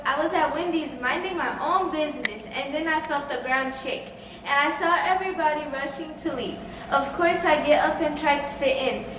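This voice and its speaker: A woman's voice: sits high, close to an everyday voice. A seventh-grade girl playing a silly, flippant señorita eyewitness on a parody newscast. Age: young adolescent, about 12 to 13. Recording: noisy, echoey room, distant mic.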